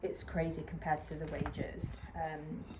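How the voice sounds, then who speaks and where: Low-pitched and level, a young woman from England speaks unhurriedly to the camera as she repots a plant outside. Her talk rambles, packed with fillers and a self-conscious edge, in the style of a plant vlogger. She's on a slightly windy patio near a brick wall, with outdoor noise audible behind a clear recording.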